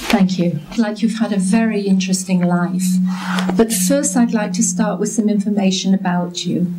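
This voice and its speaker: A woman's voice: mid-range voice, moderate pace, very noisy. A woman interviewing for an oral history project, asking polite, formal questions.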